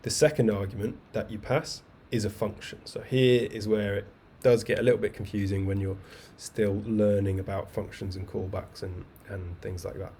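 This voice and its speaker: A man with a lowish, mellow voice gives a live coding lesson over a video call from home. He explains step by step in a relaxed, chatty way, with a faint hiss of noise behind him. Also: moderate pace, hardly any pauses. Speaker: coding bootcamp instructor. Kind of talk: live online coding lecture. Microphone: webcam video call mic.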